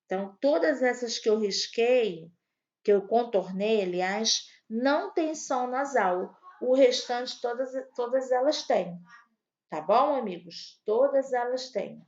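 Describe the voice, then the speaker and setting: A woman teaching an online grammar lesson to young children, slow and patient, spelling out each word. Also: on the high side, lively intonation, a little mellow, highs cut off. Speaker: primary school teacher.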